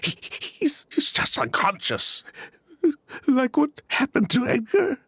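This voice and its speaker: A grieving, distraught male game character, cries as he speaks. His husky voice swings widely in pitch, halting and stammering as he pleads, recorded dry and close. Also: wildly swooping pitch, bright, forceful tone, dry recording, full character voice. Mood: desperate. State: crying, distressed. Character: Sylvain, distraught merchant, grieving brother. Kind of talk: video game voice acting.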